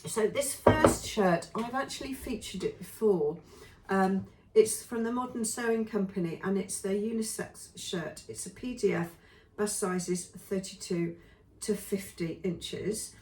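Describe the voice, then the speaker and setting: A woman reviewing sewing patterns in a chatty, casual way with lots of ums, her voice going hoarse. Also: mid-range voice, a little slow, a little mellow, reverberant, recorded from a distance, a little hiss or hum. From England. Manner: chatty, many ums and trailing lists. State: losing her voice. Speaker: sewing vlogger.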